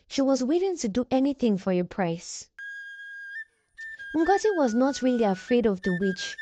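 A woman narrating a folktale in a dramatic storybook style, over background music. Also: fairly high pitch. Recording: music bed behind the voice.

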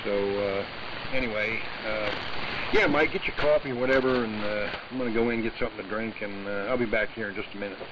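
A man, a ham radio operator, chatting casually on the air, heard through a mistuned AM radio. He talks in an easygoing, halting way with frequent pauses. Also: lowish voice. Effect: heard over a mistuned, noisy AM ham radio. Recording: hissy, muffled shortwave radio reception.

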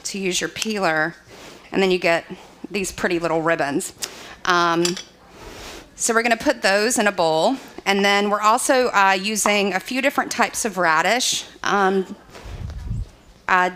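A woman's voice: medium pitch, a bit bright, slight background noise. Chatty woman chef. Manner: chatty, many fillers. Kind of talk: live cooking demonstration. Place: open screened dining hall.

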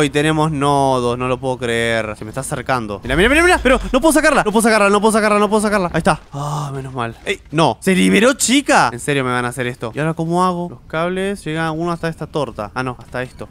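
A man's voice: on the high side, slight background noise. A young man with a Rioplatense Spanish accent, commenting on a horror game as he plays, yelping and panicking whenever he is chased. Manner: excitable, yelps and panics when chased. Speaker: gameplay streamer. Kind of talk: gaming commentary.

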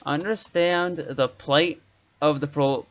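A man's voice: fairly high pitch, slow. A man streaming a survival game and chatting casually, often trailing off mid-sentence. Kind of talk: casual gameplay chat. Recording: dull lo-fi stream audio.

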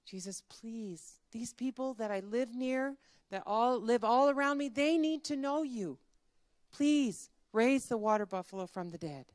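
A woman's voice: fairly high pitch, unhurried, a little mellow, no echo, natural voice. A woman voicing an earnest village man. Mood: pleading. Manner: earnest, simple storybook telling. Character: humble village man who prays to Jesus.

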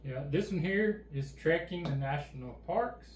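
Co-hosting a relaxed channel chat, this middle-aged man has a somewhat high, slightly mellow, expressive voice and talks at normal speed with a plainspoken, easygoing manner. The room, fitted with a game table and backdrop, sounds echoey with faint background noise.

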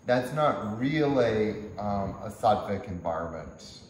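Low-voiced man teaching yoga in an echoey hall. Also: lively intonation, distant mic, slight background noise. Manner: gentle, unhurried teaching talk with frequent chuckles. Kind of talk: workshop-style lecture. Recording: echoey room.

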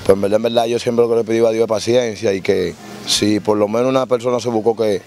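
Fast-talking man telling street stories. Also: fairly low pitch, a little hiss or hum. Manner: animated storyteller, acts out voices in his tales. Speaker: interviewee recounting street and prison life. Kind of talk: casual storytelling interview.

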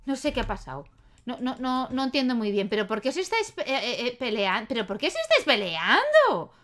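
A young woman talks through a life-simulation game in a loose, chatty way. She scolds and coos at the characters like a doting mother. Her voice sits a little high. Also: big pitch swings, a little fast, fairly bright tone. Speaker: gaming video host. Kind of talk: casual Let's Play commentary.

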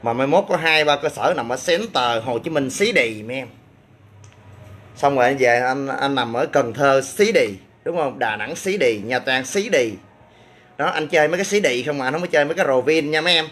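A man's voice: medium pitch, fairly quick, a bit bright. A man with a Southern Vietnamese accent, a gym owner chatting casually on a livestream and answering comments with boastful, crude banter.

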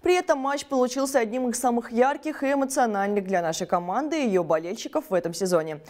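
A woman's voice: on the high side, quick pace, a little mellow. A woman in her thirties presenting scripted sports news in a TV studio.

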